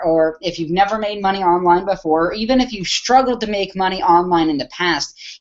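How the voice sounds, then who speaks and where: A man in his twenties, an internet marketer giving an eager sales pitch on a webinar, often restarting his phrases. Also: highs cut off. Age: 20s.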